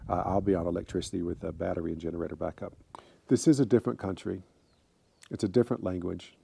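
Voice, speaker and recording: A man's voice: low-pitched, creaky, mellow, husky. A man in his fifties from the United States, talking casually to camera in a rambling way with many fillers and restarts. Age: 50s. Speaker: vlogger.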